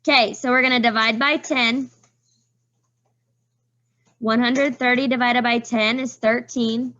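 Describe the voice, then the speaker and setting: A slightly high-voiced woman teaches math in a classroom, explaining each step and calling on pupils by name. Her voice is wearing a little hoarse. The recording is dull and lo-fi. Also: steady tone, a little slow, bright, forceful tone. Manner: walks students through steps, calls on pupils by name. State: voice getting hoarse.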